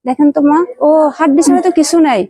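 A woman visiting and interviewing a hospital patient. She speaks gently and soothingly, often calling the patient mother. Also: high voice, steady tone, fast, no echo. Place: hospital ward.

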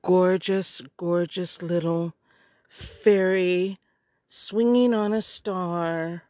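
A middle-aged woman, a little hoarse, chatting casually and gushing as she opens craft supplies. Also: fairly low pitch, darkish tone, no echo, studio quality. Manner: gushing, slow and murmuring. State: hoarse, clearing her throat. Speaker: craft vlogger. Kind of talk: casual unboxing chat.

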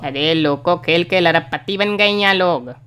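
A woman's voice: fairly low pitch, measured pace, fairly bright tone, clear, resonant tone. A woman voicing a chatty, gossiping village man waiting in a cartoon barbershop. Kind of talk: cartoon voice acting. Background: background music.

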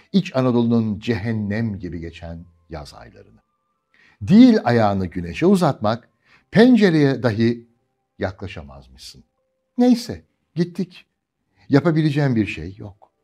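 Lively-voiced male diction teacher. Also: mid-range voice, breathy edge. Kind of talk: diction lesson with practice text reading.

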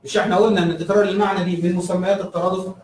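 A man's voice: high voice, flat delivery, rapid-fire, a little mellow, reverberant, distant mic, slight background noise, rough recording. A man with an Egyptian Arabic accent teaching a review lesson, asking his students questions and answering them himself, repeating key terms.

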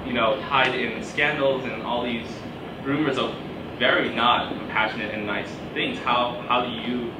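A man's voice: medium pitch, steady tone, measured pace, noisy background. A sick young man born in Australia, asking a hesitant audience question full of fillers. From born in Australia, raised in Shanghai. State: sick, coughing. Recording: echoey room, voice from far off.

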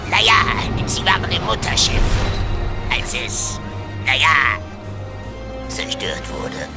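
A man's voice: mid-range voice, wildly swooping pitch, slow pace, creaky, over music, heavily acted. A man playing a cranky, arrogant alien fleet commander in a video game, irritable, scornful and blustering. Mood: sheepish. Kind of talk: video game voice acting in German.

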